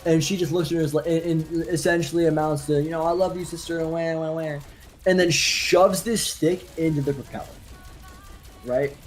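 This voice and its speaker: A young man in casual chat during a gaming stream, ranting in an animated, worked-up way. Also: on the high side, fairly quick, a little hiss or hum.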